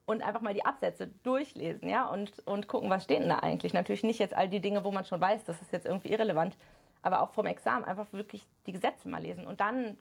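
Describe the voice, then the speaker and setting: A woman speaking as a podcast guest, explaining study methods at a brisk clip. Her voice has a gravelly, slightly husky texture. She talks in a casual, animated way with plenty of fillers. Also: medium pitch. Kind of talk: casual chat.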